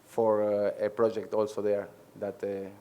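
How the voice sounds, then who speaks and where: In halting, pause-filled English, an Argentine head coach whose first language is Spanish addresses reporters' questions. His voice is fairly low and dark, and his delivery is completely flat.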